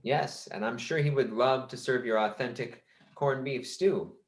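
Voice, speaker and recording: A man's voice: medium pitch, unhurried, echoey room, natural voice. A man playing a polite, scheming young time traveler who stammers eagerly.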